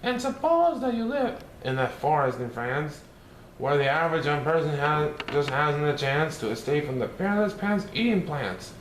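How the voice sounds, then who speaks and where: A man's voice: fairly high pitch, sing-song, moderate pace. A man voicing a playful, mischievous male cartoon cat, reading a rhyming storybook in a sing-song, bouncy way. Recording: roomy echo, faint hiss.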